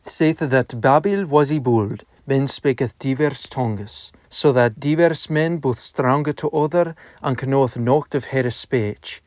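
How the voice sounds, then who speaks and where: A man reading a text aloud in Middle English, with archaic pronunciation and a deliberate, measured delivery. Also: mid-range voice, no echo, clean studio sound.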